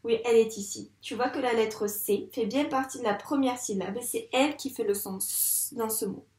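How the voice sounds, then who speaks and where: A woman teaching a reading lesson to young children in a patient, encouraging way, sounding out words slowly at the board. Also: fairly high pitch, darkish tone, reverberant. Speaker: primary school teacher. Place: classroom with a board.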